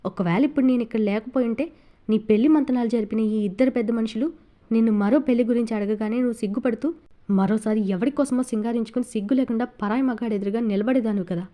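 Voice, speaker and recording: A woman's voice: a little high, quick pace, dark tone, lightly acted. A woman voicing a cruel, sneering middle-aged man who abuses his wife, in an audio novel. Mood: contemptuous. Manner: taunting, contemptuous.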